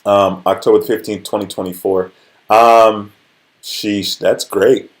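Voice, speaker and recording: Speaking slowly in a lowish voice with little pitch movement, this livestream host is a man in his forties. He keeps the motivational chat casual and conversational, often pausing to check in on his audience.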